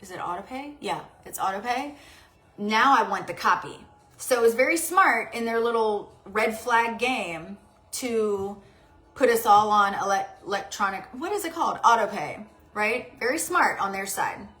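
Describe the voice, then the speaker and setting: A woman's voice: on the high side, sharp tone. A woman vlogger in casual chat, rambling and confiding, often stuttering and restarting her sentences.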